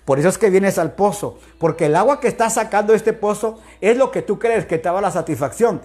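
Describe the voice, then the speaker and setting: A man's voice: sits high, expressive, a little fast, a little mellow. Preacher doing Jesus at a well: earnest, emphatic, plain-spoken man.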